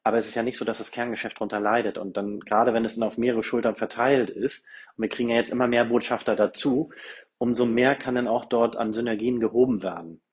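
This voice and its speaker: A man's voice: mid-range voice, fairly even intonation, quick pace, breathy edge. A man, speaking as a guest in an interview, rambling along with many fillers and restarts. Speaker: company representative, guest. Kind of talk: conversational interview talk.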